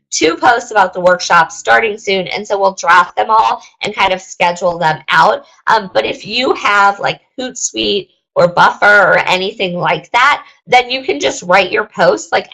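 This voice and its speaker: A woman's voice: medium pitch, creaky, fairly bright tone, low-quality recording. A young woman hosting a casual webinar, rambling with lots of ums and likes, and losing her voice. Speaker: webinar host.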